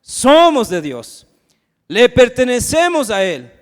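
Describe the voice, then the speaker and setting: A pastor from Ecuador, his voice high, smooth and resonant, preaches slowly in a sing-song way, often putting questions directly to his listeners. It sounds like a live sermon, with rhetorical questions and acted asides, and a long reverb rings through the church sanctuary.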